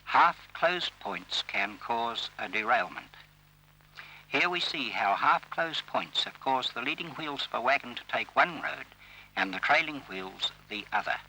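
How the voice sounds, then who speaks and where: A man delivers a scripted voice-over for an old instructional film, giving each instruction formally and with measured pacing. His mid-range voice is very bright, crisp and forceful, with lively intonation. The poor audio carries slight background noise and the feel of a vintage training film.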